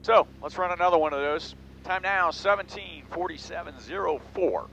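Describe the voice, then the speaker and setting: A pilot with a high, creaky voice gives matter-of-fact technical commentary at a moderate pace while demonstrating flight maneuvers, using clipped procedural callouts from a small airplane's cockpit. The audio is dull, with loud engine and cabin drone throughout.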